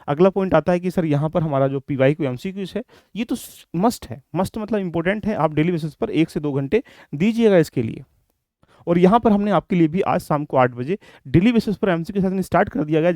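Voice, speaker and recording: A man's voice: on the high side, warm tone, no echo, clean studio sound. A man giving a direct, instructive lecture on exam strategy to his students. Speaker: exam coaching teacher.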